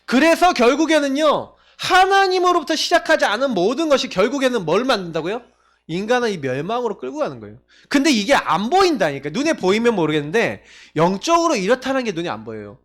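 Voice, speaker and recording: A male pastor preaching a sermon, emphatic, asking the congregation questions and swinging between loud stressed phrases and low quiet asides. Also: big pitch swings, fast talker.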